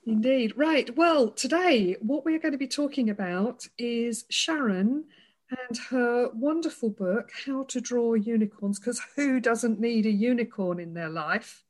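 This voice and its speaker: A woman hosts a relaxed podcast conversation with upbeat enthusiasm, keen to ask questions. Her voice sits a little higher than most women's. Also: unhurried. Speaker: podcast host. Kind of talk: casual podcast chat.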